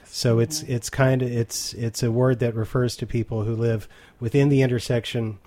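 A man's voice: medium pitch, flat delivery, moderate pace, mellow. A man hosting an interview, talking conversationally and explaining terms for listeners. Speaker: radio host.

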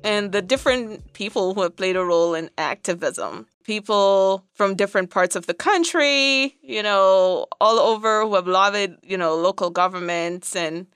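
A woman's voice: medium pitch, normal speed, few pauses, fairly bright tone, clean tone, no room sound, studio quality, soft background music. A woman with a Jamaican accent giving a conversational educational lecture, explaining things and checking in with the listener as she goes. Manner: explanatory, checks in with "right?" and "you know".

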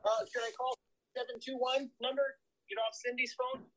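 Man on a phone line, faint and off-mic, quick and to the point. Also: very high voice, level tone, fairly bright tone. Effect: heard over a cell phone held to another phone. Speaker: borough assembly member calling in.

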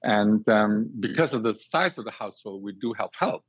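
Here a Singaporean cook and cooking teacher, interviewed as a guest, speaks at normal speed in a lowish voice with lively intonation and a breathy edge, without echo. His replies are conversational, earnest, and expansive, with phrases often repeated and reshaped as he thinks. Sound quality is dry, a little dull, band-limited.

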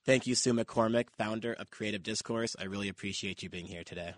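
Low-voiced radio host moderating a panel. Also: male voice, a bit bright, no echo. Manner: measured, courteous introductions.

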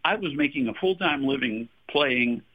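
A Texas singer-songwriter in his sixties is a radio interview guest, telling stories casually, laughing often and repeating words as he starts his thoughts. He has a mid-range voice with lively intonation at normal speed, coming through a tinny phone line.

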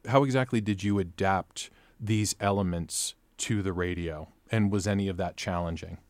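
A man's voice: low voice, moderate pace, no echo. A man interviewing a playwright, asking thoughtful, layered questions at length. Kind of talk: interview conversation.

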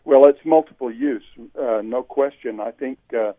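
Give me a county commissioner speaking as a guest over a remote call line that breaks up, in an unhurried, plain-spoken way. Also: male voice, medium pitch, dry recording. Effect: heard over a remote call line that breaks up. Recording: tinny, dry call-line sound.

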